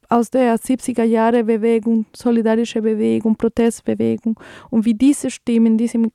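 A woman of around forty from Colombia, speaking German with a Colombian Spanish accent as a non-native speaker. She hosts a radio show in a halting, earnest way and reads out news. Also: fairly high pitch, creaky, dark tone, dry recording, clean studio sound. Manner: halting, searching for words, earnest. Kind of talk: radio moderation with read news.

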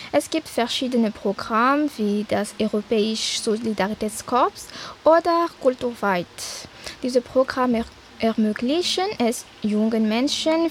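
A young woman from Madagascar, a guest on a radio show, speaking in a careful, slightly halting way. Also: a little high, slight background noise. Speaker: guest volunteer.

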